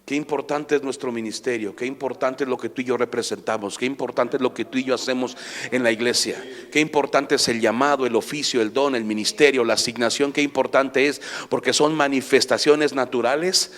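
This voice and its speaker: A man's voice: medium pitch, steady tone, a little fast, fairly bright tone. A man with a Mexican Spanish accent preaching a sermon as pastor, impassioned and full of rhetorical questions. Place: church sanctuary. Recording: long church hall reverb.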